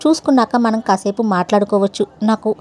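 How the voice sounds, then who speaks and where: A woman reading the lines of a polite young male office worker in a storybook, in her own even voice, dropping English phrases. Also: mid-range voice, a little fast, natural voice. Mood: calm. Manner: courteous, mixes English phrases.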